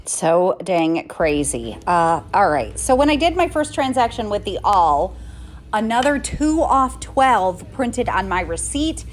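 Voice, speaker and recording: A woman's voice: mid-range voice, very animated, measured pace, a little hiss or hum. A middle-aged woman narrates her shopping run in an easygoing, chatty way, counting out prices and savings one item at a time. She talks into a phone she holds herself as she walks through a store. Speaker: couponing vlogger. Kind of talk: casual shopping vlog narration. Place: inside a drugstore, walking the aisles.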